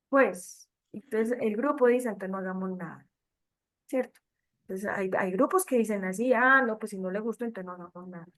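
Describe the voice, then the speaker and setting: Woman trainer, higher voice, direct teaching tone on a video call. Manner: direct, addresses listeners as catechists. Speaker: catechist trainer. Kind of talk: online training talk. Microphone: computer mic on video call.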